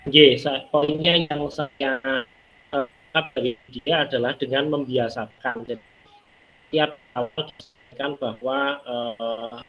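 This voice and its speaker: A male teacher on a video call, speaking haltingly with many fillers while his audio keeps cutting out. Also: mid-range voice, fairly even intonation. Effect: choppy, cutting-out online call audio. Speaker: teacher in an online discussion. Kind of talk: casual discussion remarks. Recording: dull lo-fi call audio breaking up.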